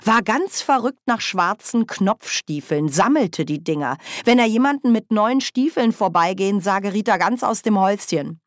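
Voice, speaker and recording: A cheerful old witch woman who gossips with relish, voiced by a woman reading aloud. She chatters on with a bright, lifted pitch. The sound is close and dry, with no room around it. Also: animated, moderate pace, few pauses, no echo, close to an everyday voice. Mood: chatty. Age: older.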